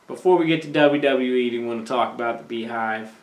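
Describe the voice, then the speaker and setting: A young man with a mid-pitched voice gives his picks on a casual sports talk show, hedging and filling pauses with um and uh. The room around him is echoey. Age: young adult. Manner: hesitant, hedging, many fillers. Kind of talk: casual chat.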